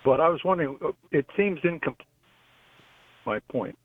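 A man's voice: fairly high pitch, animated, slightly rough. Man on a glitchy, buzzy phone call. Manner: halting, loses his thread and restarts. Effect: buzzy, glitchy phone call audio that cuts out. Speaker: caller. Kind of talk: phone-in question to a radio show. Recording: tinny dry phone line.

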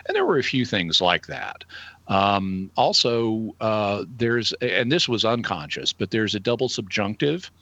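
A middle-aged man with a Southern Arkansas accent explains things in a conversational, analytical manner. His voice is fairly low yet distinctly bright and forceful, with deliberate, halting phrasing. The sound is dry and close, without room echo. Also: big pitch swings, highs cut off. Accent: Arkansas Southern American. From Arkansas, United States. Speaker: guest answering listener questions.

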